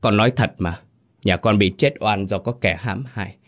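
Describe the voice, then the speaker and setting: A man's voice: on the low side, moderate pace, a bit bright. A man voicing a desperate young widow pleading in a ghost story. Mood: insistent. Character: frantic grieving young wife.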